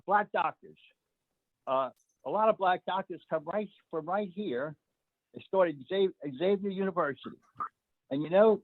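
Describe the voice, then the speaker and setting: A man on a video call in a group discussion, talking in a halting, argumentative way with many "uh"s. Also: a little high, no echo. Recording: dry, tinny phone-like line.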